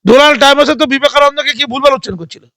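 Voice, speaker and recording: A man delivers heated political commentary in a very high, fast voice. He is sarcastic and combative, firing rhetorical questions at his listener. The recording is dry and close. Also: bright, forceful tone, no echo. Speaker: political interviewee.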